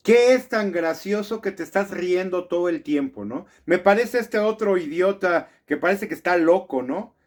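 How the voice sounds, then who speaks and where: A man's voice: sits high, animated, normal speed, hardly any pauses. Indignant man, political rant. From Mexico. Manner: indignant, rhetorical questions, frequent tag "¿no?". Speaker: political commentator. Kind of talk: political commentary monologue.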